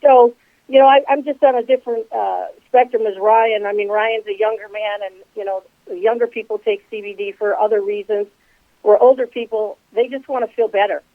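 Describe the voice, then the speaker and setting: A woman in her sixties answers interview questions over a tinny phone line. She talks in a measured, unhurried way, leaning on fillers as she thinks, and the sound is dry and close. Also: mid-range voice, fairly even intonation, no echo. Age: 60s. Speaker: guest, commercial realtor and company co-founder.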